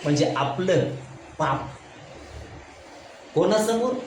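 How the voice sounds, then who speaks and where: Slow high-voiced preacher in an echoey room. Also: male voice, animated. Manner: asks the congregation questions and answers them himself, repeating "right?". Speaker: pastor. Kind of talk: Bible study sermon with call-and-response questions. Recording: echoey room with background noise.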